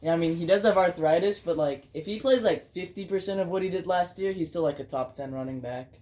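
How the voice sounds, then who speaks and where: A man with a slightly raised pitch chats loosely about football picks. He teases his friends and leans on fillers as he talks. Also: quick pace, darkish tone. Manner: teasing, filler-heavy. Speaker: co-host ranking players. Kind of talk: casual chat.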